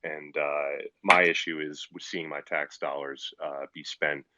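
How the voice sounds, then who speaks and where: A man's voice: rumbling low, little pitch movement, a little slow, pushed and bright, no room sound. A man who joins a discussion with a question, polite and articulate with small hesitations. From United States. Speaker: listener joining with a question. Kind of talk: casual discussion. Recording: dull dry lo-fi line.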